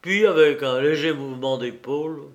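A man narrating a classic novel in a measured, unhurried reading. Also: a little high, highs cut off. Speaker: audiobook narrator.

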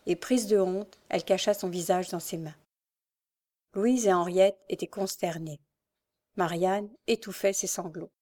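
A woman's voice: on the low side, unhurried, dark tone. Woman reading a novel aloud. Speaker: audiobook reader. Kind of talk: scripted narration of a classic novel.

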